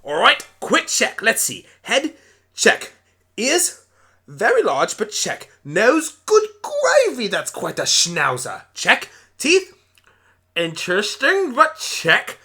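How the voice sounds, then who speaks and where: Casting: excitable alien pony Doctor for radio play put on by a narrator, high bright voice, frantic self-talk. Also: takes it slowly, slightly rough, full character voice. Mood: curious, puzzled. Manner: frantic, exclamatory, chattering to self. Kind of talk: hobby radio play character acting.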